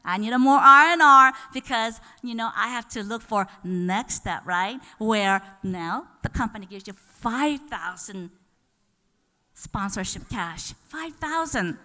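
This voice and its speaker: A woman's voice: on the high side, measured pace. A woman giving an enthusiastic live presentation at a sales seminar, often putting questions to the audience. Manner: enthusiastic, rising to excited bursts; chatty, asks the room questions. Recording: reverberant hall.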